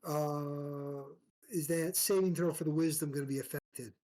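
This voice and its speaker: A player at a tabletop game asking rules questions in a halting way with many fillers. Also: mid-range voice, fairly even intonation, dark tone. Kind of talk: casual game talk.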